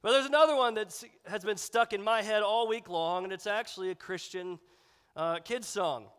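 A pastor delivers a sermon in a church sanctuary, his voice high-pitched, clear and resonant with a fairly bright tone, moving at a moderate pace. A sinus infection leaves him sounding congested and nasal, and he talks conversationally, dropping in fillers. Long hall reverb fills the recording.

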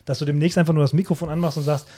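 A man chatting on a podcast, rambling excitedly and acting out quoted characters. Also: on the high side, very fast, breathy edge. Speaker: podcast co-host. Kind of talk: casual chat.

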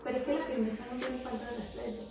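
High-pitched woman, middle-aged, lively casual chat, far from the mic in a big echoey room with music behind. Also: racing. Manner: animated, acts out quotes. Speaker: co-host.

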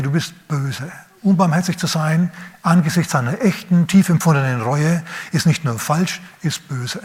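A male pastor preaching a sermon, speaking emphatically and throwing rhetorical questions at the listener, swinging between urgent raised phrases and quiet low asides.

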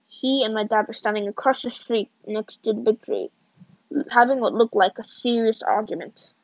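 A woman reading a novel aloud in a plain, steady storytelling way. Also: on the high side, no echo, muffled recording. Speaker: audiobook reader.

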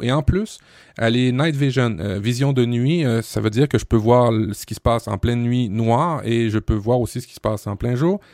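A man's voice: mid-range voice, a little mellow, no room sound, clean studio sound. A man with a Québécois accent co-hosting a tech podcast, talking casually with many hesitations and fillers. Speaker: podcast co-host.

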